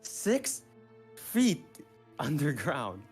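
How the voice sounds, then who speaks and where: Man acting slow, theatrical, bitter villain. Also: fairly high pitch, wildly swooping pitch, a little mellow, faint music behind, full character voice. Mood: bitter, defiant. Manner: slow, theatrical monologue with heavy pauses. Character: bitter defiant villain justifying killing loved ones. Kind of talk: tabletop role-play monologue.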